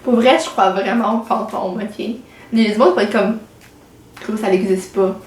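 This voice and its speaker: A woman's voice: mid-range voice, steady tone, unhurried, darkish tone, slight background noise. A teenage woman with a Québécois French accent chatting casually to camera as a vlogger, full of fillers and English words. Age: late teens. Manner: chatty, many fillers and anglicisms. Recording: echoey room with faint music.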